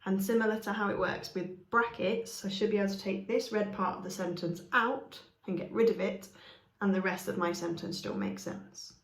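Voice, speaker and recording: A woman's voice: medium pitch, fairly even intonation, normal speed. A woman teaching a grammar lesson, explaining patiently and often checking in with "okay?". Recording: echoey room.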